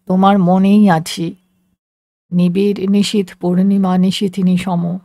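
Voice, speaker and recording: A woman voicing a gentle man from a long-lost love, speaking softly and intimately. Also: mid-range voice, level tone, slow, dry recording, clean studio sound, voice pushed down. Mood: tender.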